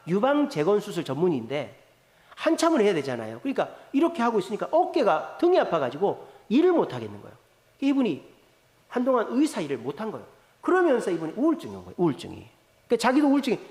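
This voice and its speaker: Animated male pastor in echoey church. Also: high-pitched. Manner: animated storyteller with rising and falling emphasis. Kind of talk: sermon storytelling. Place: large church sanctuary. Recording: echoey church hall reverb.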